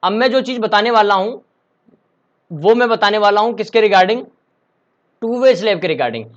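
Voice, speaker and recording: A man's voice: high voice, lively intonation, normal speed. A man teaching civil engineering in a casual online lecture, asking and answering his own questions. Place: home room during a power cut. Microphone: laptop. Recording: slightly dull lo-fi audio.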